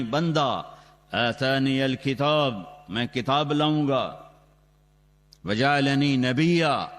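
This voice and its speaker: A man preaching a sermon and telling the story dramatically, his voice rising loudly, with Quranic Arabic chanted slowly. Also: medium pitch. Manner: dramatic storytelling with sudden loud rises and quick asides. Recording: long reverb from a large hall, on a loudspeaker.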